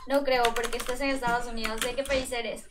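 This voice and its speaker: A woman live-streaming a game from home, chatty and excitable, greeting viewers by name. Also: fairly high pitch, brisk, heavy background noise. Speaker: gaming streamer. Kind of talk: live-stream chat while gaming. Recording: distant mic under loud game music.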